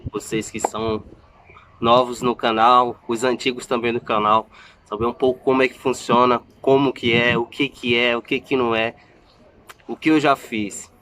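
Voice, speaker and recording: Guy in his 30s from salvador brazil, family vlogger, chatty and self-mocking, keeps restarting his sentences, mid pitch. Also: little pitch movement, normal speed, fairly bright tone, echoey room, slight background noise. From Salvador, Bahia, Brazil. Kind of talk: casual vlog talk to viewers.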